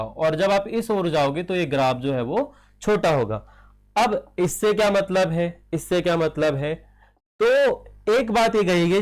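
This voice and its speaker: Male chemistry teacher, Hindi accent, high voice, classroom lecture style that asks and answers its own questions. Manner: questions students, answers himself; calls listeners child.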